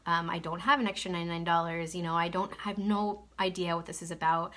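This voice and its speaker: A woman's voice: lowish voice, steady tone, quick pace, a bit bright. A young woman giving casual, reassuring advice to camera, chatty and full of fillers. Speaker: network marketing coach.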